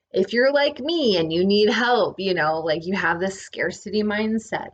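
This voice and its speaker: A woman's voice: fairly low pitch, highs cut off. A woman giving a casual spiritual lesson, often checking in with "right?". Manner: relaxed, often adds "right?". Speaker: spiritual teacher.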